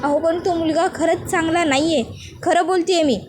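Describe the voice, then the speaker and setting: A woman's voice: extremely high pitch, steady tone, normal speed, slight background noise, voice pushed up. A woman voicing a defiant young woman protesting to her father about an arranged marriage. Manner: pleading, protesting.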